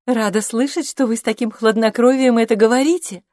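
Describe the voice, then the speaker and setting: A woman voicing a poised, clever young gentlewoman who speaks in a measured, composed way. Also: a little high, fairly even intonation, no echo, clean studio sound, voice pushed up, close to an everyday voice.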